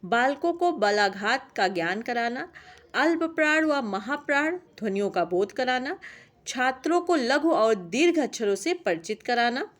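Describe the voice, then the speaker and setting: A young woman teaching a class on language teaching, reading out lists of points in a steady classroom manner. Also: on the high side, unhurried. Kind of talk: exam-prep lecture reading out points.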